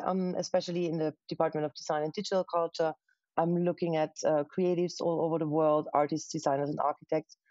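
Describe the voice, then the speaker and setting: A woman's voice: low-pitched, mellow, no room sound, lo-fi sound. A woman from Austria, a museum curator, answering interview questions thoughtfully from her living room over a video call. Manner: thoughtful, pauses with fillers. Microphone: webcam on a video call.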